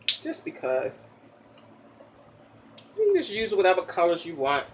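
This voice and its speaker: A chatty woman walks through a casual makeup tutorial, popping gum as she talks. She keeps checking in with a quick "okay?" after each step, over a faint hum behind her. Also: lowish voice, wildly swooping pitch. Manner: pops chewing gum while talking.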